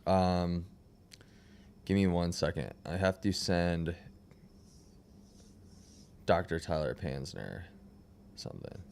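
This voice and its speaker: A man's voice: low-pitched, slow pace, creaky, long pauses, a little mellow, a little hiss or hum. A young man hosting a casual livestream, laid-back and slangy, often trailing off mid-sentence. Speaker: livestream host.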